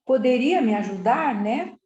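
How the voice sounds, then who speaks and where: A woman student and native Portuguese speaker, slowly and hesitantly answering in French during an online class. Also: fairly high pitch, lively intonation, mellow. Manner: slow, searching for words. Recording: dull roomy call audio.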